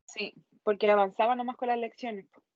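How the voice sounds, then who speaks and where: Girl student talking fast, bit high, muffled dry audio. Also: fairly even intonation, a little mellow, no echo.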